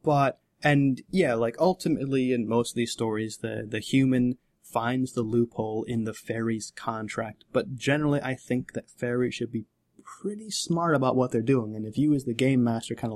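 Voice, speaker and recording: A man in an easygoing podcast chat, acting as game master as he talks through how rules play out at the table. He rambles a bit, restarts and corrects himself, with a voice of middling pitch. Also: darkish tone. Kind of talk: casual podcast discussion.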